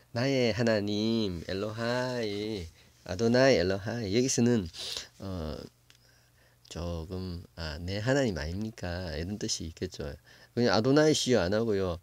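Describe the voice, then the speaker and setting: A man giving a casual, musing Bible lesson, thinking aloud with many fillers and slowly sounding out words before explaining them. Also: low-pitched, no room sound. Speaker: Bible Hebrew teacher.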